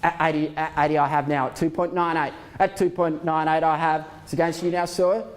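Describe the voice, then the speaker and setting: A man with a high-pitched voice calls a live auction as the auctioneer. He repeats figures in short rhythmic phrases and addresses the bidders formally and courteously. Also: flat delivery, a little fast. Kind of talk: live property auction calling.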